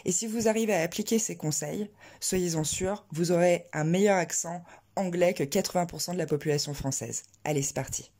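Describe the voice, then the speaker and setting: Woman teaching an online lesson, warm low voice, slows way down to show each word. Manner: clear, deliberate teaching, slows to model words for repetition. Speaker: English pronunciation teacher.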